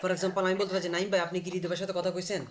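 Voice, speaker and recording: A man's voice: high voice, little pitch movement, rapid-fire, slight background noise. A man teaching a live online language class, explaining patiently, drilling pronunciation and quizzing his student.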